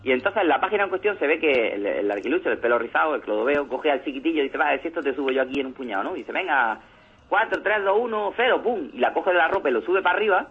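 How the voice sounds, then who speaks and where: Man, quick husky delivery, phone-thin radio sound; animated storyteller. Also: mid-range voice, phone-quality sound. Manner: animated storyteller, acts out comic scenes. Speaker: radio show co-host. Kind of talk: casual radio chat about comics.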